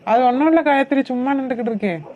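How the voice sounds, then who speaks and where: Picture a gentle, courteous young village man in a cartoon, played by a woman with a high voice. The recording sounds dull and lo-fi. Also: rapid-fire. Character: polite young village man, big-brother type.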